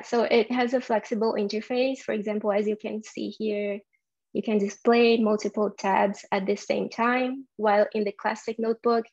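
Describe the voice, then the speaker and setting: Brazilian accent woman giving a tech talk, lots of fry, kinda muffled lo-fi audio. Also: mid-range voice, a little mellow. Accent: Brazilian Portuguese. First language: Portuguese. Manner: explanatory, many filler ums and uhs. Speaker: software developer giving a conference talk. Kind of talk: online tech talk presentation.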